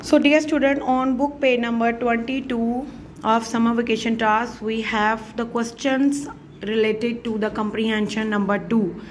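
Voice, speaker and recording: Female teacher, Pakistani English accent, patient explanatory delivery, faint hiss behind. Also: medium pitch. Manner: slow, explanatory, switches into Urdu to explain. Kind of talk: recorded homework walkthrough.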